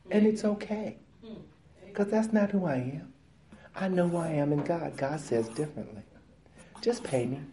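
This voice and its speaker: Guy preaching a sermon, pretty high voice, lots of calls to the church, middle-aged minister. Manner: preaching with exclamations, loud then quieter.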